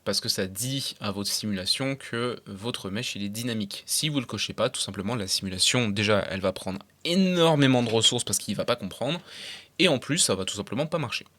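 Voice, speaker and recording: A young man talking casually through a software tutorial step by step, with frequent fillers and English terms mixed in. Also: on the low side, expressive, fairly quick. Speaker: tutorial creator. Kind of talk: screen-recorded software tutorial.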